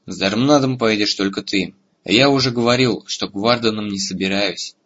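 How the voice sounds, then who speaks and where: A man's voice: on the low side, normal speed, fairly bright tone, dull audio, a little hiss or hum, lightly acted. A man playing a blunt, wry young warrior.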